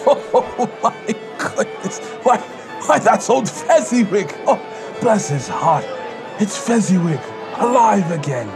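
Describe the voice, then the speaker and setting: An actor playing Scrooge, an older gentleman reliving his past, with a theatrical, emotional manner in an audio play. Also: high voice, expressive, slow pace, over music, a crowd in the background, heavily acted. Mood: delighted, nostalgic. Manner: theatrical, repeats himself, exclaiming.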